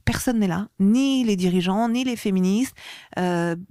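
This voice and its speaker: A woman's voice: medium pitch, a little slow, warm tone, dry recording, studio quality. A woman guest on an interview podcast, speaking passionately and with growing emphasis. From France. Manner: passionate, grows heated and emphatic. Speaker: activist guest. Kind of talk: interview conversation.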